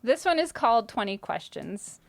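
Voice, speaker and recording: A woman's voice: fairly high pitch, big pitch swings, moderate pace, vocal fry, no echo. A woman co-hosting a casual podcast, friendly and steering the segments. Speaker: co-host.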